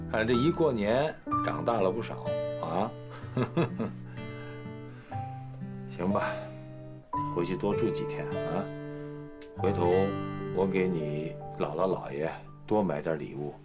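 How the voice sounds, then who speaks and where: An actor playing a domineering, blustering middle-aged husband and father in a TV drama. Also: low voice. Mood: pleased. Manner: blustering, bossy. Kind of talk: TV drama acting.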